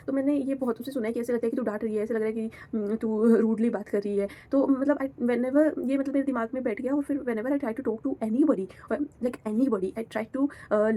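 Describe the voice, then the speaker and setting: Young woman vlogger, candid monologue, blunt and frank, fairly high but mellow voice. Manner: blunt, frank, switches between Hindi and English.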